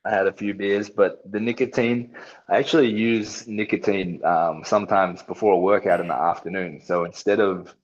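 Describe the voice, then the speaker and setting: A man's voice: deep voice, fairly even intonation, normal speed, dull audio. A man, a professional fighter talking casually as an interview guest, laid-back and swearing now and then. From Australia.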